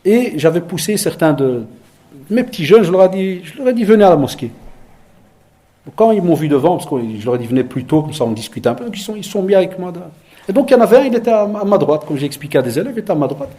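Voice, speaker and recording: A middle-aged male preacher speaks to a congregation, mixing teaching with lively stories. His voice sits a little high yet sounds mellow and warm. He often drops to a soft hush to act out conversations. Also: fast talker. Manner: lively storytelling, acting out dialogue in a hushed voice. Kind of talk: sermon with storytelling.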